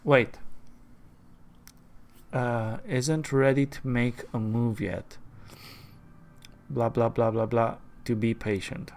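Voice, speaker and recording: A man's voice: mid-range voice, fairly even intonation, slow pace, vocal fry, long pauses, darkish tone. A man streaming a game, chatting casually and reading the on-screen text aloud.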